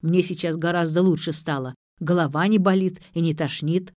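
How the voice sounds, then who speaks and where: A dazed, meek alcoholic father answers slowly and simply, like a child, as a woman reader plays him. The voice is fairly low and recorded dry and close. It is a storybook reading. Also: steady tone, darkish tone, no echo, close to an everyday voice. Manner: slow, confused, childlike. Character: dim-witted middle-aged alcoholic father, meek.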